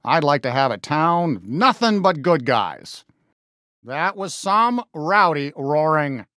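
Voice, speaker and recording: Friendly toy cowboy sheriff for a game: American, folksy drawl, unhurried, swooping lively pitch, good-natured. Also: male voice, dry recording, studio quality, full character voice. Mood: warm, cheerful. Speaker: video game character greeting players. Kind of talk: animated game voice lines.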